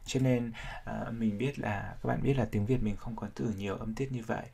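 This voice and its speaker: A man's voice: fairly low pitch, fairly even intonation, normal speed, gravelly, dark tone, husky. A man teaching English vocabulary, explaining each sound step by step and repeating words to drill them. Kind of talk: vocabulary pronunciation lesson.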